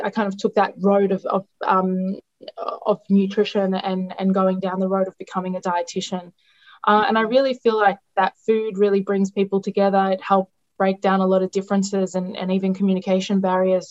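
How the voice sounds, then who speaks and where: A Greek dietitian from Australia answers interview questions with plenty of ums, restarts and hesitations. Her voice is medium-pitched with a darkish tone, and the recording has a dull, lo-fi sound.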